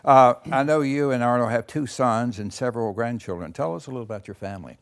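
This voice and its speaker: An older man hosting an interview in a dark studio, asking questions in a friendly way and dropping in frequent short acknowledgements. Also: mid-range voice, fast talker. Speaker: interview host.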